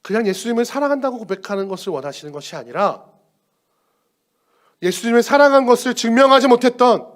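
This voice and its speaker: A male pastor preaching an earnest sermon, moving between loud appeals and hushed words. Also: very high voice.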